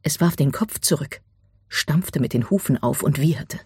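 An audiobook narrator reading a dramatic story, dropping to a hush at tense moments. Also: mid-range voice, normal speed, breathy edge, no echo.

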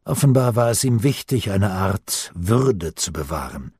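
Man, audiobook narrator, calm and measured, husky voice, dry close sound. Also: fairly low pitch, no echo. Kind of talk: scripted narration of a novel.

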